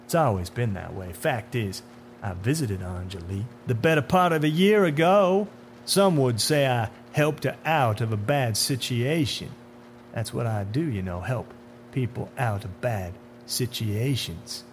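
In a dramatic horror audiobook, a man plays a menacing, taunting otherworldly figure in a dark suit, a smooth-talking bringer of death who asks theatrical, deliberate, sneering questions. His mid-range voice is animated and smug, knowing. A hum is audible behind him.

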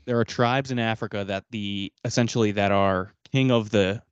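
A lowish male voice that wanders through long explanations, restarting and hunting for words in relaxed podcast talk. The recording is dry and a bit dull. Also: moderate pace, clear, resonant tone, no room sound. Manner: rambling, searching for words. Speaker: podcast co-host. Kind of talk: casual chat.

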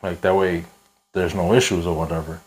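A man's voice: low-pitched, fairly even intonation, a little fast, a little mellow, rough recording. A man chatting casually as a podcast host in slangy, swearing, bro-heavy street talk.

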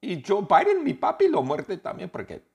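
A man playing a halting dead zombie hamster. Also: high voice, huge pitch swings, vocal fry, darkish tone, voice pushed up, full character voice. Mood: excited. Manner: halting, repeats and corrects words often. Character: dead male pet hamster turned zombie. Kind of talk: improvised comic story in a second language.

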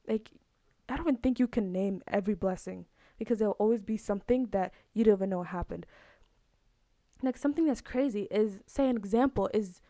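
Earnest woman podcaster, mellow voice. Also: medium pitch, dry recording. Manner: earnest, repetitive, conversational. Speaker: podcast host. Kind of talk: casual religious talk.

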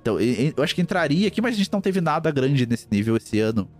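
A man's voice: on the high side, big pitch swings, fast talker, faint music behind. A man with a Brazilian accent chatting casually as a podcast host, slangy and emphatic, often repeating himself. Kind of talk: casual chat.

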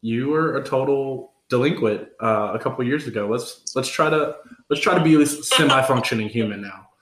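A man's voice: medium pitch, normal speed, a bit bright, a little hiss or hum. A man in his twenties hosting a podcast, talking in a laid-back, joking way with trailing fillers. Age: 20s. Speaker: podcast host. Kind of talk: casual podcast chat. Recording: roomy echo.

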